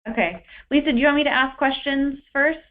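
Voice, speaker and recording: A woman presenter leading a training webinar, coaching in a relaxed way with plenty of fillers, then posing questions like a reporter. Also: high-pitched, a little fast. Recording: tinny phone line.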